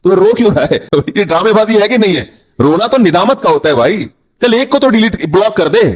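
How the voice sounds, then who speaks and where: A man's voice: lively intonation, brisk. Humorous male preacher with a Pakistani Urdu accent. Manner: humorous, mimics people in low voices. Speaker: Islamic preacher. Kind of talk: sermon.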